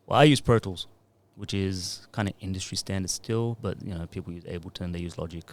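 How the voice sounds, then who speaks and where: Into a podcast mic, a man in his thirties who produces music and DJs chats in a relaxed, meandering way during a casual interview. He speaks a little fast in a low voice, with slight background noise.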